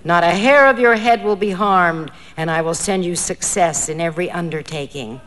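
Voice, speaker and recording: A hollow-voiced trickster posing as a demon, voiced by a woman reading aloud, booming out grand threats. The voice swells loud and commanding. A long reverb trails behind it. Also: normal speed, close to an everyday voice. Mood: menacing.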